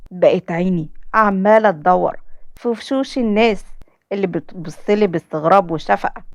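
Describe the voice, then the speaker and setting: A young woman with an Egyptian accent tells a dramatic story in the first person, her delivery emotional and heartfelt. Her pitch sits in a middle range for a woman. The recording is dry and close, with no room sound. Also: no room sound. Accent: Egyptian Arabic.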